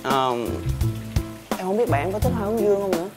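A man's voice: sits high, animated, fast. A young man, playing a hard-up student who defends himself in a quarrel, with music underneath. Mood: awkward, polite. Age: young adult. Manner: pleading, then heated and shouting. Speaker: student and part-time worker. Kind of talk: web sitcom acting.

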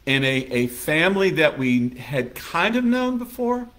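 A man's voice: fairly high pitch, big pitch swings, a little slow, fairly bright tone. A man preaching a sermon as pastor in a conversational manner, now and then acting out little scenes in quoted voices. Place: church sanctuary.

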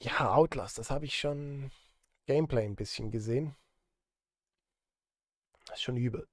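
A Swiss film composer in his thirties live streams from an indoor desk setup, rambling casually as he works and muttering to himself in a self-mocking way. His medium-pitched voice moves at an unhurried pace, with a little hiss or hum in the recording.

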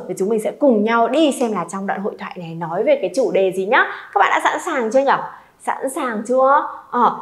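A woman, teaching a beginner Chinese lesson and coaxing students to repeat aloud. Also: fairly high pitch.

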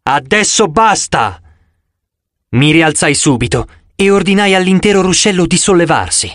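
A man's voice: sits high, fairly quick, no room sound. Male audiobook narrator, dramatic, close dry studio sound. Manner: expressive, dramatic reading. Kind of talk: scripted first-person narration.

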